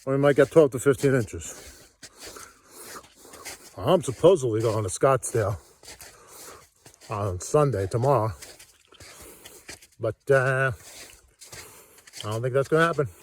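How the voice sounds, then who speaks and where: A man's voice: mid-range voice, measured pace, long pauses, a little hiss or hum. A man talking casually and bluntly to a camera while hiking outdoors, out of breath and breathing heavily. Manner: blunt, salty, joking self-deprecation. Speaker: hiking vlogger, group leader. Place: outdoors on a snowy hiking trail.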